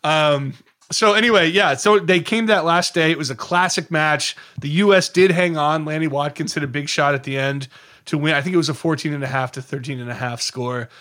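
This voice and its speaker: Lively, raised-voiced man telling stories. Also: a little high, fairly quick. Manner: lively, digressive storyteller who slips into quoted voices. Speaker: podcast guest. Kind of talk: casual storytelling on a podcast.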